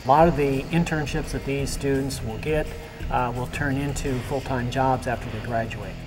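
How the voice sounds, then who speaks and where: Middle-aged instructor in a reverberant room. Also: male voice, medium pitch, fairly even intonation, normal speed, over music. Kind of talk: interview.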